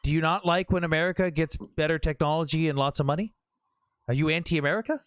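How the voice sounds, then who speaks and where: A man's voice: a little high, quick pace, no room sound. A young man hosting a live online debate, combative and mocking, swearing often as he presses his opponents. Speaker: livestream debate host.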